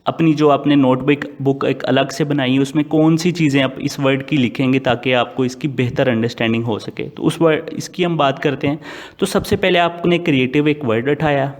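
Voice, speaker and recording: A man who speaks Urdu natively, giving an online English vocabulary lecture. He quizzes his students and answers his own questions, and he reads English phrases out slowly. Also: medium pitch. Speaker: English teacher. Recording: long hall reverb.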